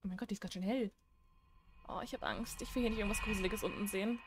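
A woman's voice: mid-range voice, fairly even intonation, racing, breathy edge. A young woman chatting casually while she plays a horror game, joking and talking back to what happens on screen. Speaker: let's play gamer.

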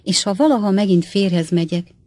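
A woman voicing a lively, quick-tempered widowed innkeeper in an audiobook, raised and louder than her narration. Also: dry recording, lightly acted. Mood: coy. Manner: higher, louder, flirtatious then tearful. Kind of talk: audiobook character voice.

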